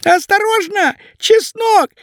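A man voicing a shrill, fussy young woman who shrieks warnings down into a cellar in an audiobook. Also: takes it slowly, a bit bright, no echo, clean studio sound, exaggerated voice. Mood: shrill alarm. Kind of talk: audiobook character voice.

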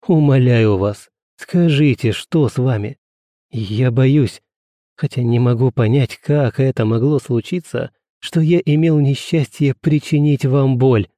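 A man reading a tender gallant gentleman. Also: medium pitch, measured pace, dry recording, studio quality, lightly acted. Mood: urgent. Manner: soft, coaxing and sweet. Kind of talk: audiobook character reading.

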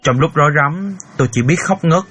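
A man's voice: fairly high pitch, a little fast, fairly bright tone, faint music behind, lightly acted. An actor playing a middle-aged father who earnestly recounts a painful story. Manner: earnest storyteller, cries out in emotion. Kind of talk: audiobook character acting.

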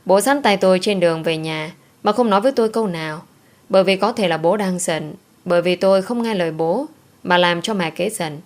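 A woman narrating a first-person story in a calm, measured reading voice. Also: lowish voice.

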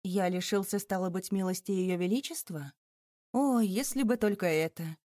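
A woman's voice: medium pitch, moderate pace, mellow, dry recording, clean studio sound, close to an everyday voice. A woman voicing a terrified older male banker who pleads and exclaims in rising panic. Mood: panicked.

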